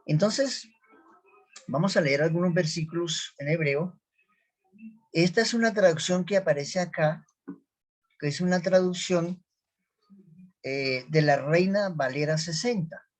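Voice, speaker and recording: A man teaching a scripture lesson, sounding out Hebrew words slowly and repeating them as he explains. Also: on the high side. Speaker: Bible teacher.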